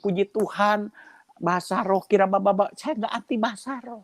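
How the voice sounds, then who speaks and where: A man's voice: a little fast, no echo. A middle-aged man, a pastor giving a testimony sermon and acting out dialogue as he tells his story. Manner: lively storytelling, acts out dialogue with shifting pitch.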